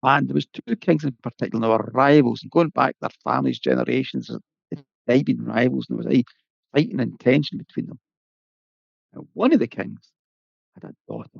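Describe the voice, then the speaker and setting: Gravelly Irish man telling a folk tale. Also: mid-range voice, lively intonation, brisk, dry recording, dull audio. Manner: chatty, folksy asides. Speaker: storyteller. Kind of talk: oral storytelling.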